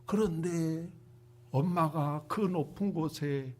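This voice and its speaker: A male pastor preaching a sermon with dramatic storytelling, swinging from hushed asides to loud outbursts, then leading a prayer. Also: on the high side, slow.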